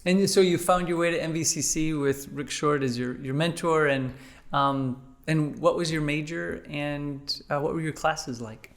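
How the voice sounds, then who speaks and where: A man, a college president, interviewing a guest on a podcast, asking measured questions with frequent fillers. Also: on the high side, fairly even intonation.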